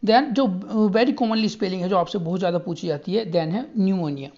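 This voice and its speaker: Teacher type, male, mellow tone, spells slowly letter by letter, slightly muffled lo-fi recording. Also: high-pitched. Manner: spells words out letter by letter, repeats checks for understanding. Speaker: exam coaching teacher.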